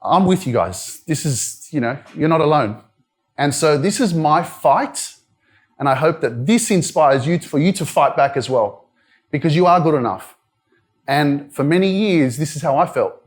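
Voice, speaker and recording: Speaking at normal speed in a fairly high, animated voice, an Australian motivational speaker gives a casual, no-nonsense talk at a live indoor event. He swears now and then and chats with those in the crowd.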